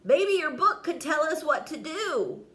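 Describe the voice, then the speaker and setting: A woman's voice: sits high, very animated, a little slow, a bit bright, voice pushed up, full character voice. A woman voicing an earnest little boy dragon in a storybook, childlike in manner. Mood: hopeful.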